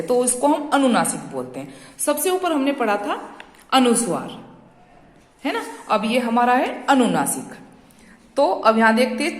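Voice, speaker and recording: A woman teaching a school grammar lesson, explaining patiently, stretching out example sounds and checking that students follow. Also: high-pitched. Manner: addresses students as "beta". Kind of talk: classroom-style grammar lesson. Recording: echoey room with long reverb.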